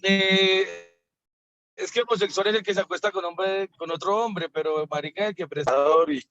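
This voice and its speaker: A man student speaks up hesitantly in class, restarting often. His voice sits high. The audio is dry and dull. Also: fairly even intonation, moderate pace, sharp tone, dry recording. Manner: hesitant, full of restarts and fillers. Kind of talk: class discussion.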